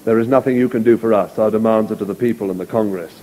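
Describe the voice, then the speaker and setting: A man voicing a bitter male sergeant who leads a mutiny and speaks quietly and steadily, read aloud in an echoey hall. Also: fairly low pitch, steady tone, fast, voice pushed down, natural voice. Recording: echoey hall, dull lo-fi recording.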